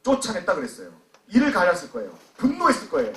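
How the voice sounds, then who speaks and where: A man delivers a sermon in a high, lifted voice, dropping low and quiet, then rising to loud fervor as he acts out little scenes. He is heard from a distance in a roomy church sanctuary that rings around his words. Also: wildly swooping pitch, fast. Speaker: pastor. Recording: echoey church hall from a distance.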